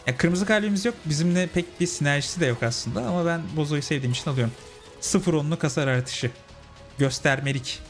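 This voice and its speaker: A man's voice: a little high, fairly quick, faint music behind. A young man giving casual let's-play commentary, chatting with his viewers as friends. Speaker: gaming channel host.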